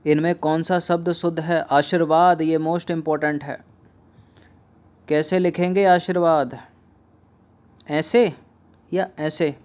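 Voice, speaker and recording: A man in a slow, patient teaching delivery with a slightly raised voice. He drills exam spelling, saying each word over and over as he corrects it. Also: on the high side, a little mellow. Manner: slow, repeats each word several times while explaining. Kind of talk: spoken Hindi spelling lesson.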